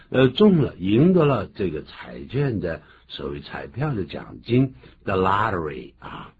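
A deep-voiced man teaches English on the radio, his pitch swinging widely as he punches out key words. The recording is muffled and lo-fi, with a faint hiss underneath. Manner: animated, jumps to high emphatic pitch on key words.

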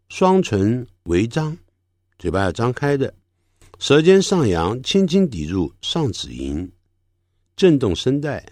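Slow, lively-pitched male pronunciation teacher. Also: no echo, studio quality. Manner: slow, patient explaining with drawn-out sound demonstrations. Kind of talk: classroom lesson.

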